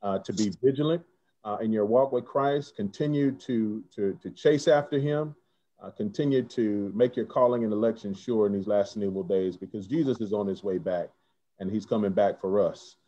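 Church elder guy, low mellow voice, kinda stumbling, muffled zoom audio. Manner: earnest, halting with many restarts. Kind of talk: church testimony remarks. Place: home, indoors. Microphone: video call. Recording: dull lo-fi video call audio.

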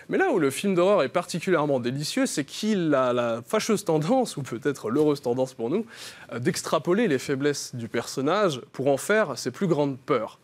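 Young male columnist, playful salesman tone, hesitant fillers, mid pitch. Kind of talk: mock sales pitch commentary.

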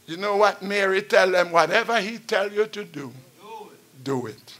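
An older man preaching at a church pulpit, chanting and shouting in a sing-song call-and-response style. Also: high-pitched, lively intonation, moderate pace. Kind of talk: chanted Pentecostal sermon. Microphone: pulpit stand mic.

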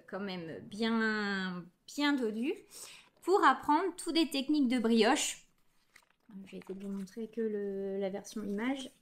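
A young woman hosting a knitting podcast, chatting casually and enthusiastically with many fillers as she shows her purchases. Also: a little high. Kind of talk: casual show-and-tell chat.

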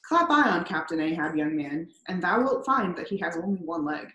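Brief: woman doing a blustering, suspicious old sea captain, teasing and gruff, in an echoey room. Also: fairly low pitch, very animated, normal speed, fairly bright tone, dull audio, slight background noise. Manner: blustering, teasing, archaic speech.

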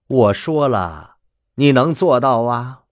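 A man voicing a stern, blunt old grandmother, speaking slowly and pressing with questions. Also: mid-range voice, animated, no room sound, clean studio sound. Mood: probing. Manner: slow, measured, pressing questions.

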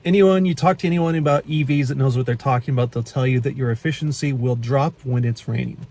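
Quick and darkish in tone, this mid-range male voice belongs to a Pacific Northwest man in his thirties. He vlogs casually to a phone camera at arm's length from his car at night, chatting matter-of-factly and saying "uh" a lot.

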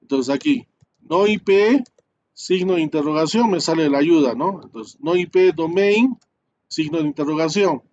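A man's voice: on the high side, lively intonation, moderate pace, darkish tone, a little hiss or hum. Man teaching a networking lab, lo-fi. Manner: explains step by step, many fillers and tag questions. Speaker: networking instructor. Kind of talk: live screen-share class.

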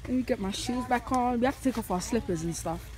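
A teenage girl from the UK, chatting excitedly and giggling through a casual travel vlog. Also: a little high, fast talker. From United Kingdom. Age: teens. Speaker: vlogger. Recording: loud background noise.

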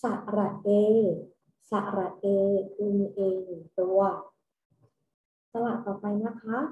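A woman teaching a recorded kindergarten homework lesson, slowly and patiently repeating each step for small children to follow. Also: mid-range voice, echoey room, phone-quality sound.

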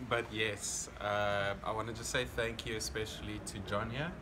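A man's voice: fairly low pitch, flat delivery, moderate pace. A young man with a South African accent giving a casual interview as a competitor just after performing. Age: young adult. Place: indoor convention venue. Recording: clear background noise, busy event venue.

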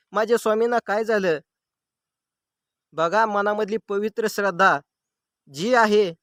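Earnest high-voiced male devotional storyteller. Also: a bit bright, clean tone, no echo, clean studio sound. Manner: earnest, preaching. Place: outdoors in the sun.

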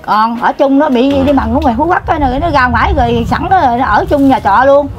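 An older woman, a grandmother telling her story in a halting, rambling way during an emotional interview. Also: high-pitched, expressive, muffled recording, slight background noise. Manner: rambling, halting, repeats herself. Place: village, outdoors.

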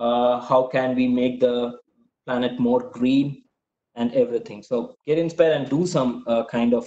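A man's voice: medium pitch, steady tone, moderate pace, dark tone. A young South Indian-accented man, native in Tamil, presents on a webinar and takes questions. He explains things informally with some hesitation. The sound is echoey and slightly dull, as on an online call. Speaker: guest speaker. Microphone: online call microphone. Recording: roomy, dull video-call audio.

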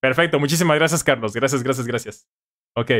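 This language tutor, a man in his thirties with a Mexican accent, hosts an informal live stream from a small home studio, replying to viewers and repeating phrases to stress them. He speaks briskly into a close studio microphone on a boom arm, in a mid-range, fairly bright voice.

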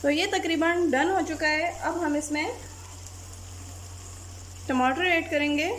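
A woman calmly explaining a recipe step by step as a cooking channel host. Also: sits high, slow pace, a little hiss or hum. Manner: calm, plain, methodical. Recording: loud frying sizzle behind voice.

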